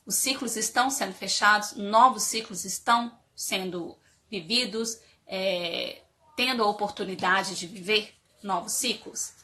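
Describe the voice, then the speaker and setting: Sounding nasal from a cold, a woman delivers a live, informal talk on life stages, full of rhetorical questions. Her medium-pitched voice is bright and forceful, and she speaks a little slowly.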